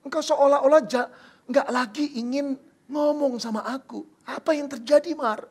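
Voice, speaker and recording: A man's voice: very high-pitched, steady tone, normal speed, darkish tone, voice pushed up. A man preaching, voicing a worried young man confronting his fiancée. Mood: urgent, pleading.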